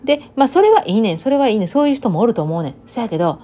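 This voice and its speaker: A woman with a Kansai Banshu dialect accent, chatting through a casual solo monologue with lively storytelling and sudden dialect outbursts. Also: a little high, racing. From Kansai region of Japan. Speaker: vlogger.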